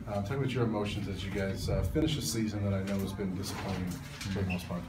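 A man's voice: sits low, fairly even intonation, quick pace, distant mic. A man, a sports reporter, asking postgame questions in a conversational way full of fillers. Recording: echoey hallway, off-mic, loud noise.

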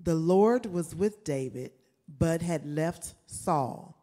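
A woman in a church class reading scripture aloud, slow and careful. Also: low voice, expressive, mellow.

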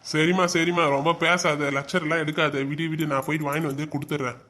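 A man's voice: on the high side, little pitch movement, quick pace, pushed and bright. Man playing a grumbling grown son. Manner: grumbling, brushing off his mother. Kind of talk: comedy skit acting.

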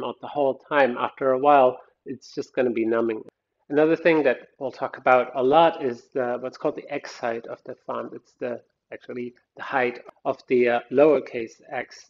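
A man's voice: mid-range voice, darkish tone. Man explaining slides on a dull recording. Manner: explanatory, thinks aloud with frequent restarts. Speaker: design instructor. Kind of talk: recorded lecture over slides.

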